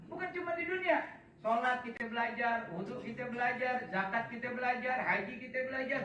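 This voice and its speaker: A man's voice: very high voice, a bit bright, highs cut off. A man giving an informal religious lecture to a gathering, chatty and joking, often laughing. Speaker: preacher. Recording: echoey, from far off, faint noise.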